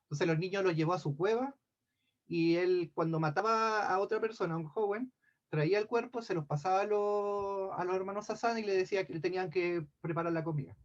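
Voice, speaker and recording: A man casually tells old myths to a group, pausing and restarting with chatty asides. His voice is a little high for a man. The recording sounds dull and lo-fi. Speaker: storyteller. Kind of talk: casual spoken myth telling. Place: talk for a scout group.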